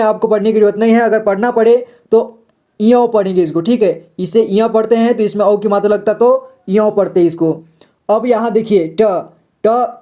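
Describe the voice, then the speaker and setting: With a mid-range, dark-toned voice, a patient teacher guides learners step by step through reading syllables and words in a phonics lesson. Each sound gets repeated, questions are asked and self-answered, and "theek hai" check-ins come often.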